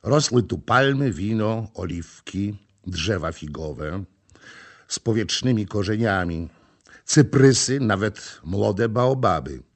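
A man reading a novel aloud in calm, measured scripted narration. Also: fairly low pitch. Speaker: audiobook narrator.

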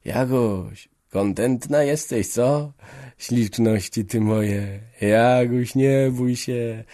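A man voicing an old farmer who murmurs softly and dotingly to his young bride. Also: mid-range voice, extremely slow. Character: old rich farmer, male, tender and doting.

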